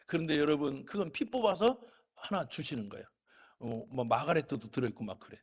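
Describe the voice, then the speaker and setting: A middle-aged man preaching a church sermon, telling folksy stories and swinging between loud calls to the congregation and quiet, chatty asides. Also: fairly high pitch, expressive, fairly quick, husky. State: a little unwell. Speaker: pastor.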